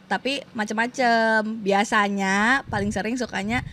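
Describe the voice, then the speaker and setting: A woman's voice: medium pitch, steady tone, moderate pace, a bit bright, a little hiss or hum. A woman in her thirties, a podcast guest, chatting casually and acting out the voices of people in her stories, laughing often.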